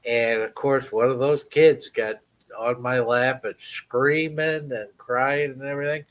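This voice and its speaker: A man with a Maine accent in casual chat, telling an animated story and laughing, his voice leaping up when amused. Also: medium pitch, unhurried.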